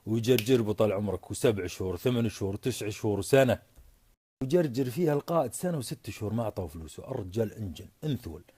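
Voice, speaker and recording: A man telling a story in a casual, animated way. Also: lowish voice, slightly rough, dry recording. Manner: rapid, animated, conversational.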